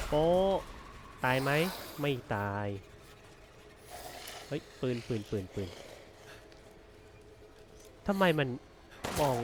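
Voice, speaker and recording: A man with a slightly high voice offers casual let's-play commentary on a horror game demo against a noisy background. As a gameplay streamer, he alternates between muttering to himself and jumpy, excitable startled outbursts.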